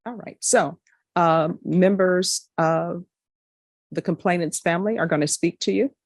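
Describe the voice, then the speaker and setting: A woman's voice: on the low side, no echo. A woman judge speaking firmly and directly at a courtroom hearing, addressing defendants. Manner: firm, measured, direct.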